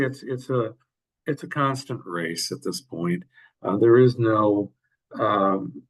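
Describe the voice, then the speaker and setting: A man giving a workshop over a video call, answering questions with halting speech and frequent fillers. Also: lowish voice. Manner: halting, many fillers and restarts. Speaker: workshop presenter. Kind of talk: webinar Q&A.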